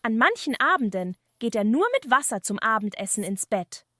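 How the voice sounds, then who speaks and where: A proud, kindly little leprechaun shoemaker, acted out by a woman in a fireside story. He is high-voiced and courteous, with swooping, earnest speech and a very dry sound. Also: sing-song, moderate pace, bright, forceful tone, no echo.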